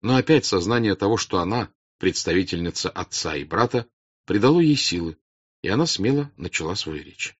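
A man with a fairly low voice narrates a classic novel in a calm, even reading. The recording is dry and dull, with no room echo. His delivery is measured and steady. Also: husky. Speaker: audiobook narrator. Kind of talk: scripted narration.

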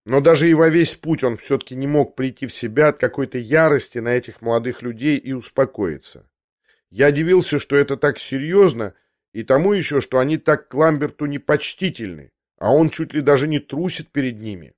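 A man narrating a literary novel in a measured storytelling voice. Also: mid-range voice, darkish tone. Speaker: audiobook narrator.

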